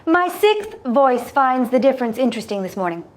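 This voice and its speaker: A woman's voice sits high as she plays a science fiction alien merchant who is calm and demanding of precision. Her speech is formal and deliberately phrased.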